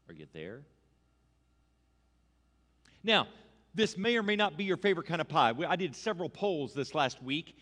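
A male pastor delivers a light, conversational sermon, teasing his congregation and getting them to join in. His voice sits a little high and swings widely up and down. The sound rings with the long reverb of a church sanctuary. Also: fairly bright tone. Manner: playful, audience-engaging, asks congregation to repeat.

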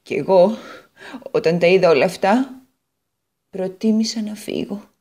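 A woman's voice: medium pitch, mellow, lightly acted. Woman voicing a proud, sighing storybook guitar. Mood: bitter. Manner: sighing and bitter. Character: proud, wistful old female guitar. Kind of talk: storybook radio reading.

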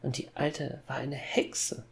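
A man voicing a sinister boy who fakes a little girl's high, mocking voice in a horror fairy-tale audiobook. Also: little pitch movement, takes it slowly, vocal fry. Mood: mocking sweet. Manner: sweet, mocking falsetto.

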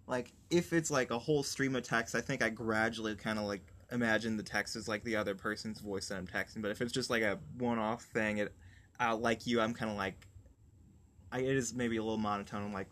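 Young male co-host, low-ish voice, measured casual talk. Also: steady tone, a bit bright. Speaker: podcast co-host. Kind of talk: casual chat.

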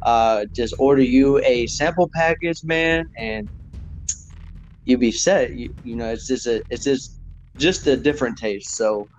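A man co-hosting a casual podcast, talking in an easygoing, drawn-out way with many fillers. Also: mid-range voice, expressive, a little mellow, highs cut off, slight background noise. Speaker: podcast co-host.

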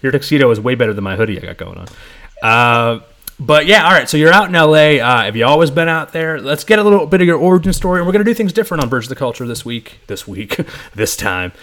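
A man's voice: medium pitch, sing-song, fast, a bit bright. Joking male podcast host. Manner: joking, laughs often. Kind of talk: casual video-call interview.

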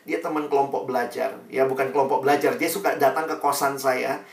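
A man giving a sermon testimony, telling his story in a lively way and acting out the lines of his friends. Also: mid-range voice, fairly quick, creaky. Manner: storytelling, acts out quoted friends. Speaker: pastor. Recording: echoey room, distant mic.

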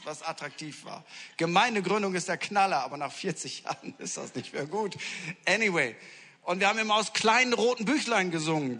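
A man delivering a sermon in a church hall, his fairly high, bright, forceful voice trailing off in a long reverb. He tells humorous stories, drops into quiet asides, and bursts into loud exclamations. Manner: lively storytelling with acted-out quotes and humor; switches between hushed asides and sudden loud exclamations. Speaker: senior pastor.

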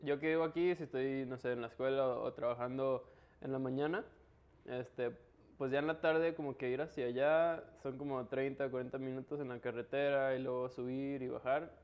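A man's voice: medium pitch, fairly even intonation, normal speed, clear, resonant tone, muffled recording. A man with a Mexican Spanish accent explaining things in a casual, slangy conversation. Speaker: interview guest, local trail biker.

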